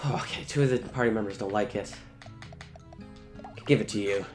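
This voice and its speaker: A man's voice: fairly low pitch, moderate pace. A man giving casual, sweary video game commentary, talking to the characters as he plays. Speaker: let's play host. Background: game music.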